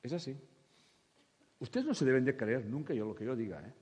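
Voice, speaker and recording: Animated man addressing an audience. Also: mid-range voice, a little fast, big-room sound. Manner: lively, acts out quoted voices, jokey and crude. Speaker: spiritual speaker. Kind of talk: humorous talk to an audience.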